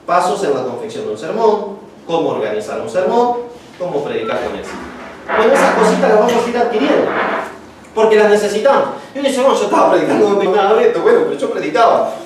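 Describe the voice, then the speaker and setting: This casual homiletics class is led by a man whose voice is a little high and a little mellow, with a trace of hiss or hum in the audio. He keeps things chatty and joking, playing out small stories. The mic sits far off in an echoey room.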